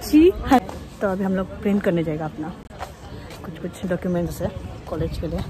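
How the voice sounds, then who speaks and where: A woman's voice: fairly low pitch, lively intonation, brisk, over music. A young woman, a college student, chatting casually to her phone camera while moving through city streets, laughing often. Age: young adult. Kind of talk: casual vlog narration. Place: outdoors on busy city streets, auto-rickshaw and metro station. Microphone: phone camera at arm's length, no external mic. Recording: noisy street phone recording. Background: traffic and street noise.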